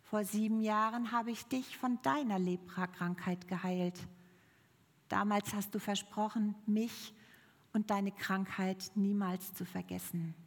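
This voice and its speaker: Life as a patient, measured healer, voiced by a woman preacher; slow, long hall echo. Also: mid-range voice, fairly even intonation. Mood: reproachful.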